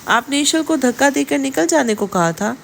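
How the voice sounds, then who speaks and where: A woman narrator playing a caring young woman, gentle and questioning. She asks things softly, in a high voice with some fry. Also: animated, a little hiss or hum. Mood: concerned. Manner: soft, probing questions.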